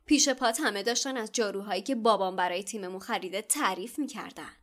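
A woman's voice: mid-range voice, fairly bright tone, natural voice. A woman voicing a smug, oily schoolboy rival who taunts the others. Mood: smug taunting.

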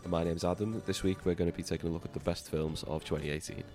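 Croaky, very deep-voiced hungover British man. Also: steady tone, fast, over music. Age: middle-aged. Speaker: podcast co-host. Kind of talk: casual chat.

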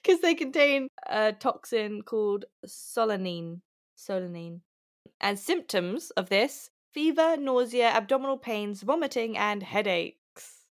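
A woman talking casually on a podcast, giggling as she explains what she has read. Her pitch sits in an ordinary middle range, and she stumbles and restarts now and then. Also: expressive, unhurried. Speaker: podcast co-host presenting research.

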